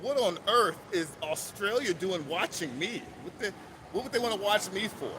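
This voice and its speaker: A man hosting a casual live stream, reading out viewer comments in a slangy, animated way that swings between loud outbursts and low mutters. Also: normal speed. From United States. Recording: loud outdoor street and traffic noise.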